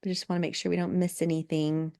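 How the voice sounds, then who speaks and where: A woman hosting a casual podcast chat, soft-spoken and laughing often, her voice a little scratchy from being sick. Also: fairly low pitch, flat delivery, fast, vocal fry. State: recovering from illness, scratchy voice. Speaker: podcast host.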